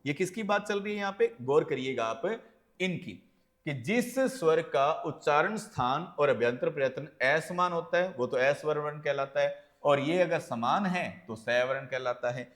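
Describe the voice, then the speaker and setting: A man's voice: fairly high pitch, expressive, normal speed, a bit bright. A man teaching an exam-prep lecture, explaining step by step and asking and answering his own questions as he goes. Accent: Hindi. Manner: calls listeners friends, often adds "right?".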